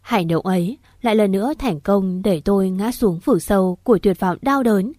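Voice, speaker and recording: A woman's voice: mid-range voice, normal speed, dark tone, dry recording, studio quality. Woman narrating an emotional first-person story.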